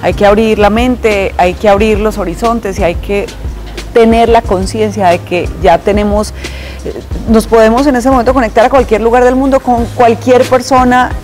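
A woman, a host speaking calmly and encouragingly on a lapel mic. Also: a little high, normal speed, soft background music. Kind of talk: hosting chat and recipe segment.

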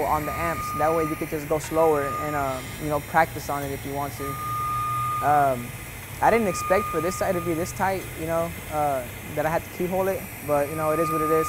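A man's voice: fairly high pitch, heavy background noise. A young man giving a casual, rambling welding lesson, full of "you know" and "like". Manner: laid-back, rambling, many fillers like "you know" and "like". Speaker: welding instructor. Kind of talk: casual instructional voice-over.

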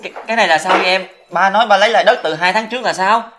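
An actor playing a meek husband with a Southern Vietnamese accent, hesitant and placating. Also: male voice, high-pitched, very fast, sharp tone. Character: meek, sickly husband caught between wife and father.

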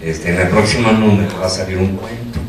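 Low-voiced Mexican man in echoey room. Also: fairly even intonation, a little fast, recorded from a distance, slight background noise. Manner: rambling, chatty, many restarts. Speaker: moderator, academic. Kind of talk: casual panel commentary. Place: lecture room. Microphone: distant room mic.

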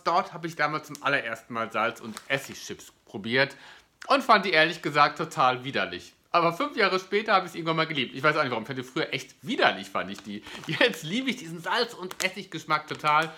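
A man's voice: on the high side, pushed and bright. A man, chatting casually and enthusiastically to viewers as a food review host. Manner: enthusiastic, gushing. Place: indoor living room, seated on a sofa. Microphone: camera or phone at about arm's length.

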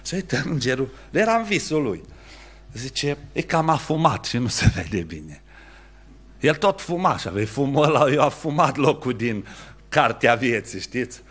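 Romanian guy preaching in church, bright voice, acts out the stories, goes quiet then loud. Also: medium pitch, very animated. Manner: storytelling preacher acting out dialogue, swinging from hushed to raised. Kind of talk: sermon.

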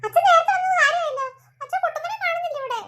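A woman's voice: very high voice, racing, music in the background. A woman voicing a young mother in a cartoon, urgent and scolding. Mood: surprised. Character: caring young mother of the family. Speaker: cartoon character.

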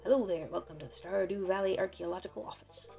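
A woman's voice: mid-range voice, fairly even intonation, fast, creaky, warm tone, soft background music, lightly acted. A woman voicing a polite, earnest male museum curator from a video game. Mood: welcoming, earnest.

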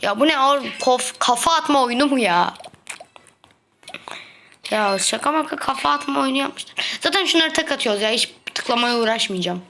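Bright high-voiced woman gaming host. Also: normal speed, a little hiss or hum. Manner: excitable, trash-talking, playfully complaining. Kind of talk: casual mobile game commentary. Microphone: phone.

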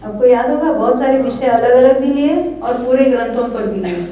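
A woman's voice: fairly high pitch, normal speed, mellow, slight background noise. An older woman giving an earnest, encouraging lecture at a religious study camp, often checking in with her listeners. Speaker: scripture teacher. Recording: echoey hall, voice from far off the mic.

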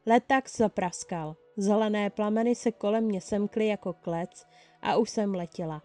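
A woman reading a fan story aloud in the first person, telling it in a lively way. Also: mid-range voice, soft background music. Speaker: fan-fiction reader.

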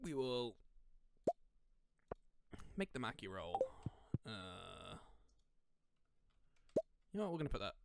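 A man's voice: fairly low pitch, big pitch swings, slow pace, vocal fry, pauses often, heavy background noise. A man giving casual let's-play commentary on a farming game, thinking aloud with lots of fillers. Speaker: gaming commentator.

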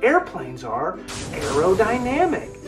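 A woman teaching a lesson for young children, slowly repeating each key word in a sing-song way. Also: mid-range voice, huge pitch swings, recorded from a distance. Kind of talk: educational lesson for young kids. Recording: music playing behind the voice.

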